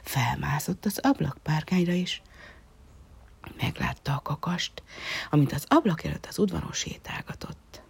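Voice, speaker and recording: A woman reading a children's story aloud, softly and often half-whispering. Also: low-pitched, creaky, slightly rough.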